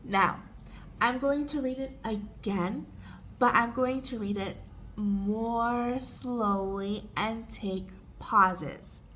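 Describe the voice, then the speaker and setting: A woman English teacher reading a simple story aloud slowly and clearly, pausing for learners and explaining in a casual way. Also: on the high side, a bit bright, slight background noise. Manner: slow, clear and deliberate, with pauses for repeating.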